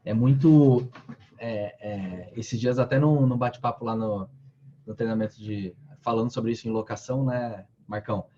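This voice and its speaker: A man's voice: mid-range voice, normal speed, dark tone, highs cut off, a little hiss or hum. A man giving a casual online training talk, often restarting his sentences and using fillers. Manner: hesitant, many restarts and fillers.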